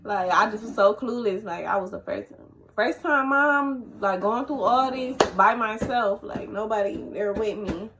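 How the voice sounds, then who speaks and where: A woman vlogger telling a personal story to the camera, halting and emotional, with many fillers and restarts. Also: medium pitch, background noise.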